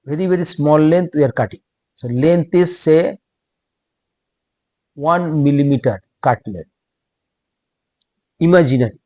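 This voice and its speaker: A man with an Indian English accent giving a technical lecture, speaking in short halting phrases and repeating himself. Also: on the high side, warm tone, dry recording.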